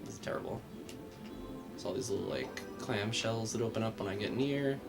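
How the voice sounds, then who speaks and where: A man's voice: lowish voice, fairly quick, creaky, loud music behind the voice. A man in his thirties hosting a live game stream in casual chat, joking, laughing often and muttering to himself while he plays. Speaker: host.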